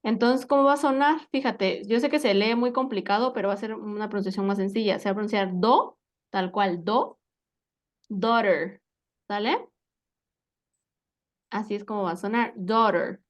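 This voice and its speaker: A woman's voice: medium pitch, brisk. A woman teaching an English lesson, patiently checking her students understand with frequent questions. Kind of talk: spoken language lesson.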